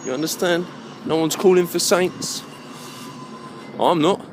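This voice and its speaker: A high-voiced British man speaks a little slowly over background noise, vlogging a rambling, opinion-heavy monologue. He presses his points hard, uses rhetorical questions and checks whether the listener follows.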